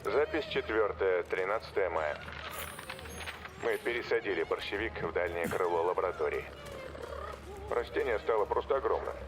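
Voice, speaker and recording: A grave scientist recording a lab log for a video game. His dictation is deliberate, in a lowish voice with expressive swings, and music plays behind. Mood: somber.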